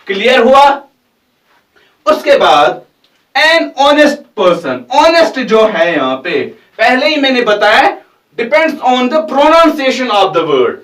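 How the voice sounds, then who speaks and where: Slow high-voiced male teacher, echoey room. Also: a bit bright, recorded from a distance. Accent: Hindustani. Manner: slow, repeats words and spells letters out. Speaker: English teacher. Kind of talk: explaining grammar to students.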